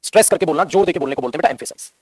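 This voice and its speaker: A man's voice: a little high, animated, racing, darkish tone, slightly rough, no echo. A middle-aged man teaching English grammar to a live class with a Hindi accent, repeating points and calling the students "beta".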